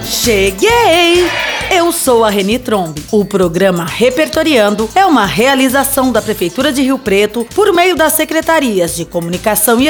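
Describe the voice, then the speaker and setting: High, animated Brazilian woman, kids show host. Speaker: host of a children's radio program. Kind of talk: scripted radio presenting and storytelling.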